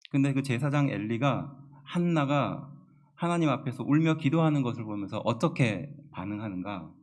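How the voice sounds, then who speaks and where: Pastor preaching a slow, questioning sermon. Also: male voice, medium pitch, a little mellow. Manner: explanatory, engages congregation with questions.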